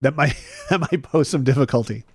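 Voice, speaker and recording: A young man chats loosely on a relaxed morning stream, wandering from story to story and tossing jokey asides to his viewers. His voice sits at a middle pitch. The recording is close and dry, with almost no room sound. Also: fairly quick, slightly rough, dry recording. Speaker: host. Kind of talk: casual morning chat with live chat.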